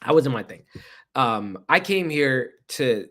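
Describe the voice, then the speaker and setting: A man's voice: medium pitch, expressive, slow, sharp tone. A young man, born in Ethiopia, gives a casual spoken history talk, talking conversationally and asking rhetorical questions. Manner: conversational, repeats himself, asks rhetorical questions. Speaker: history presenter.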